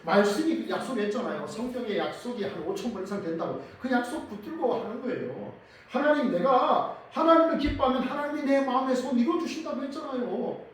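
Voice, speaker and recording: Recorded from far off in an echoey church sanctuary, a male pastor preaches with a very high-pitched, brisk voice and lively intonation. He is earnest and speaks straight to his congregation.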